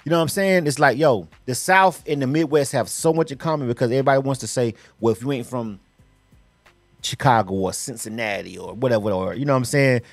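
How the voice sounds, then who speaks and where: Faint music plays behind a fast-talking man with a mid-range voice and no room sound. The middle-aged Florida radio host keeps his interview slangy and meandering, sprinkling in asides and lots of "you know what I'm saying."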